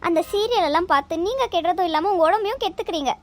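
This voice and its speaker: Brief: high, lecturing cartoon son, voiced by a woman, exasperated with his mother. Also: animated, rapid-fire. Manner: lecturing, nagging. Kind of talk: cartoon voice acting.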